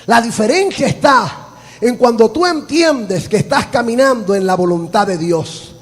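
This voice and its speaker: A man preaching a sermon, fervent and often shouting, telling stories with laughter. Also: very high-pitched, expressive, measured pace, husky. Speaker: pastor. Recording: long hall reverb.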